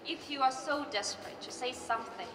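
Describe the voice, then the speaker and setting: Young woman, Russian accent, high pitch, formal ceremony announcing, reverberant PA, crowd and music behind. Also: moderate pace, recorded from a distance. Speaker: ceremony co-host and interpreter. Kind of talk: formal stage announcing in English. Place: large exhibition hall stage. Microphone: handheld microphone through PA. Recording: echoey hall PA, music and crowd.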